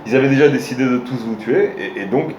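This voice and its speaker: Speaking fast in a mid-range voice, a rabbi gives a relaxed Torah lesson and talks straight to the people listening. His storytelling has many restarts and hesitations. The recording, made in a roomy room, carries faint ambience and background noise.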